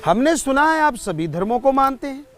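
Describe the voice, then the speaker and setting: A man's voice: very high voice, big pitch swings, normal speed, a bit bright, pitched above the performer's own voice, full character voice. A man telling a story voices a proud king who gives commands and questions sharply. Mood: commanding. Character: proud demanding old-time king.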